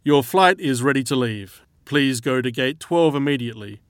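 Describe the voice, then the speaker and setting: A man reading a scripted airport boarding call in a formal, measured public-address manner. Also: mid-range voice, clear, resonant tone, no echo, studio quality. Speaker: airport announcer in a listening test.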